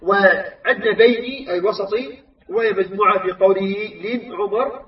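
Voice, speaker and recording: A man teaching Quran recitation rules, explaining mistakes and slowly chanting the correct examples. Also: sits high. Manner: explains errors then models recitation, drawn-out chanted examples. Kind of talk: tajweed lesson with recited examples. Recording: echoey, distant, muffled recording.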